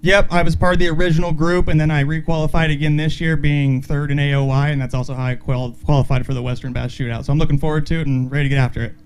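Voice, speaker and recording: A man with a fairly high voice talks rapidly and casually as an angler at a lakeside weigh-in. The live recording has some faint noise. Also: level tone. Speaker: tournament angler. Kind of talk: casual interview chat. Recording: noisy live event sound.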